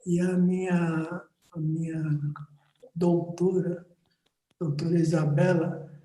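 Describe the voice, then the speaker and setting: A man with a hoarse, duck-like voice answering casually as a panel guest. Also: on the high side, flat delivery, takes it slowly, dark tone. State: hoarse from medication. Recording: roomy, echoey sound.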